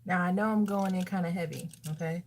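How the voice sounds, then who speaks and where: Doing her makeup on camera, a woman vlogger keeps up casual get-ready-with-me chatter, muttering to herself and throwing sassy remarks at viewers. She speaks fast in a lowish, steady voice.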